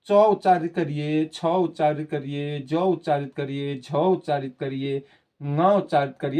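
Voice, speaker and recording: A man's voice: high voice, a little mellow. A man teaching a Hindi spelling and pronunciation lesson, explaining patiently to students and repeating words. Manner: addresses viewers as children. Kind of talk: spoken grammar lesson.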